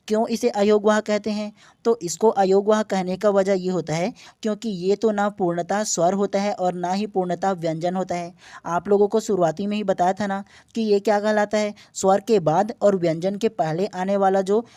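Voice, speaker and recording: A man's voice: high-pitched, warm tone, no echo. A man teaching an online exam-prep language lesson, explaining patiently, stretching out example vowel sounds and often checking in with his students. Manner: checks in often with short "okay?" tags.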